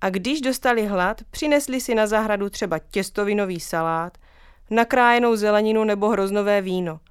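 A woman reading a children's story aloud in a gentle, even storytelling manner. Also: mid-range voice, smooth, no echo, clean studio sound.

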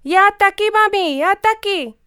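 A woman voicing an eager little girl who pleads in a high, excited voice. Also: no room sound, clean studio sound, close to an everyday voice.

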